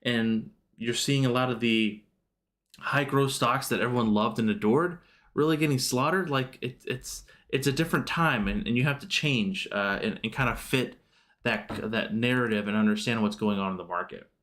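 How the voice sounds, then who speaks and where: A man's voice: medium pitch, moderate pace, fairly bright tone. A man hosting a stock market livestream, walking through charts in a loose, rambling way with many fillers and restarts. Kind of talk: casual market commentary over charts.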